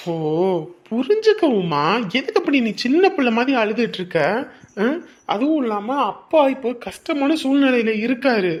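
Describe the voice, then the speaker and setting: A man's voice: very high voice, big pitch swings, moderate pace. An actor playing a stubborn young husband who lectures his wife and turns harsh, in a family drama. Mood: firm persuading. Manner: lecturing, repeats himself, grows harsh. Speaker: husband leaving home for work. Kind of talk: Tamil family drama acting.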